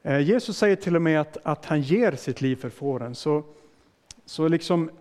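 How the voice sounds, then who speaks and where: A pastor with a fairly high, animated, slightly mellow voice explains his sermon in plain words and poses questions to his listeners. His delivery is casual, full of fillers and restarts.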